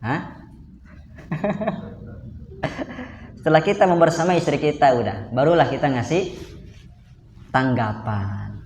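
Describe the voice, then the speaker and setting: A man's voice: medium pitch, reverberant, a little hiss or hum. An Indonesian man preaching in a mosque, asking his listeners questions and answering them himself. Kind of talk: lively sermon. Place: mosque hall.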